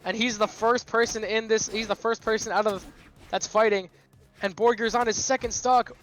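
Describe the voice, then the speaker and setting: Excitable high-pitched male esports caster. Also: moderate pace. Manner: excitable, exclamatory. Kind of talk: esports play-by-play commentary. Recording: music behind the voice.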